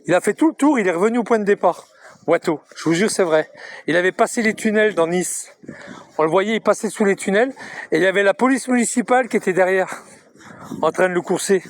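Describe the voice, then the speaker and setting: High-voiced man ranting, mocking and crude. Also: fairly quick. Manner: mocking, boastful, frequent cackling laughter; swears and insults constantly. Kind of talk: crude taunting monologue to online viewers.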